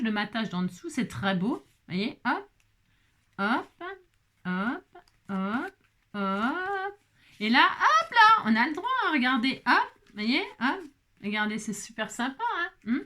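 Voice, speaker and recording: A woman with a high voice talks her viewers through a crafting project in a relaxed, chatty way. She keeps exclaiming and dropping little interjections as she handles her materials. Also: unhurried. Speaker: crafting vlogger. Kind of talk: casual crafting tutorial chat.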